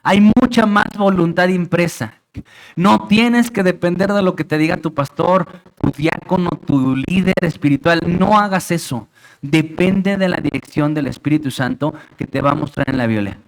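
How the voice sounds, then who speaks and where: Emphatic pastor preaching a sermon. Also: male voice, on the high side, moderate pace, vocal fry, rough recording. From Mexico. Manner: emphatic, rhetorical questions to the congregation. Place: church sanctuary.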